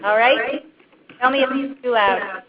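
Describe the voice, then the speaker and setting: A woman joining a technical workshop by phone, speaking haltingly over a glitchy line that keeps breaking up. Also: a little high, a crowd in the background. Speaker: remote workshop participant. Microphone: phone handset. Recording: muffled, dry phone-line audio.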